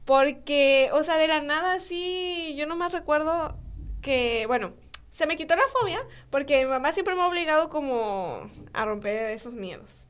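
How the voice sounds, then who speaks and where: High-voiced young Mexican woman storyteller. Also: moderate pace. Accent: Mexican Spanish. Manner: animated storytelling, acting out dialogue, frequent fillers. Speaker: podcast guest. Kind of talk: casual chat.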